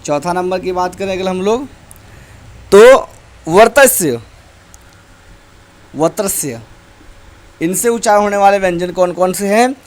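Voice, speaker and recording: Slow, high-voiced male teacher. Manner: slow and deliberate, reciting letters one by one. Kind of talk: classroom grammar lesson.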